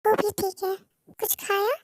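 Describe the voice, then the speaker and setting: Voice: very high voice, level tone, moderate pace. A performer playing a middle-aged mother who talks bluntly and teases and scolds her daughter on the phone. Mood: chiding.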